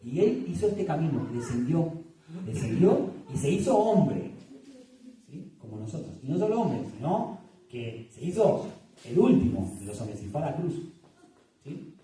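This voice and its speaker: A man with a Rioplatense Spanish accent, a family psychologist leading a church workshop, talking in a lively way, joking and checking in with "¿sí?". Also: fairly high pitch, unhurried, a little hiss or hum. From Argentina. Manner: animated, jokes and laughs, asks "¿sí?" often. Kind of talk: lively workshop talk with Bible story. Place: church hall. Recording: echoey church hall, mic far off.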